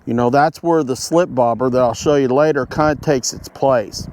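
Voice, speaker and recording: A man giving a casual, halting, folksy fishing tutorial to camera, explaining things step by step. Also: medium pitch, darkish tone. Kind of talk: casual instructional talk to camera. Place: outdoors at home beside a pond. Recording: outdoor ambient road noise. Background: road noise.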